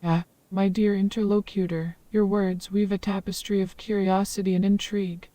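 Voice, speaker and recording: A woman's voice: medium pitch, level tone, moderate pace, dark tone, dry recording, recorded from a distance, close to an everyday voice. A synthetic woman's voice playing a wise old hermit woman of the forest who speaks in long, ornate, formal sentences. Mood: calm, flowery.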